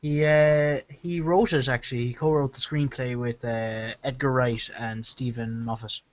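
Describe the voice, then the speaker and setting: A man's voice: medium pitch, steady tone, measured pace. Man giving film facts over a dull line. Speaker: chat guest. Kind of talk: casual chat about movies.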